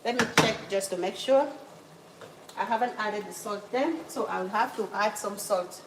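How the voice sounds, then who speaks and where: A woman's voice: mid-range voice, moderate pace, heavy background noise. Chatty woman from Cameroon livestreaming her cooking. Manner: chatty, greets viewers by name, apologetic while multitasking. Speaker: livestream host. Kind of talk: casual livestream cooking chat. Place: home kitchen.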